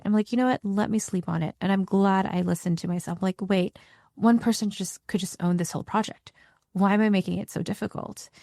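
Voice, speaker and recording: A woman's voice: medium pitch, dark tone, no room sound, clean studio sound. A woman hosting her own podcast, talking candidly in a chatty solo monologue and acting out her own thoughts and conversations. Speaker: podcast host.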